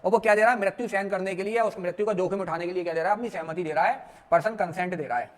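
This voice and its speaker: High-voiced man teaching law. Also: racing. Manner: storytelling, mixing Hindi and English, asks students questions. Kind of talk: exam lecture.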